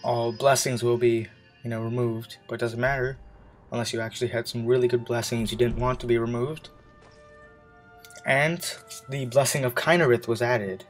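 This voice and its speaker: A man's voice: medium pitch, little pitch movement, moderate pace, faint music behind. Breathless young man commenting on gameplay. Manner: rambling, self-correcting, with many fillers.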